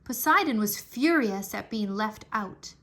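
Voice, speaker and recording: With a medium pitch and a slightly slow pace, a woman gives an expressive storybook reading of a children's history book, enunciating carefully and stressing the dramatic words.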